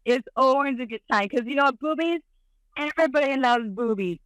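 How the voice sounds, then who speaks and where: A woman's voice: sits high, moderate pace, a bit bright, slight background noise, rough recording. A woman guest on a podcast, chatting candidly in a rambling, bawdy, giggly way. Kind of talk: candid casual chat.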